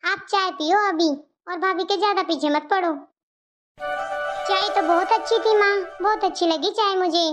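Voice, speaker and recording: A woman's voice: very high-pitched, steady tone, moderate pace, over music. A woman voicing a cheerful young woman visiting her parents in a cartoon story, breezy and reassuring. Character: cheerful young sister-in-law visiting home. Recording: dull lo-fi audio.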